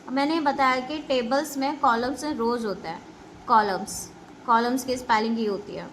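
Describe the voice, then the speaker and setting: Brief: female schoolteacher, high voice, patient and repetitive, explains basics to kids and keeps checking they follow. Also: fairly bright tone, a little hiss or hum. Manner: addresses pupils directly with instructions. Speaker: school computer teacher. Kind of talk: classroom lesson explaining basics to children.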